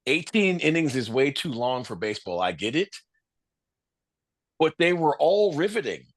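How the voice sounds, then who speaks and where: A man's voice: on the high side, big pitch swings, moderate pace, dry recording. A man co-hosting a podcast in casual chat, often repeating words as he restarts his sentences. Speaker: podcast co-host.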